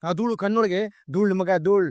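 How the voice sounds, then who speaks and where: A man's voice: sits high, fairly even intonation, brisk, a little mellow, no room sound, studio quality, close to an everyday voice. An actor playing a joking husband who teases his wife in a TV serial. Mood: teasing. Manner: teasing, joking. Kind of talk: TV serial acting.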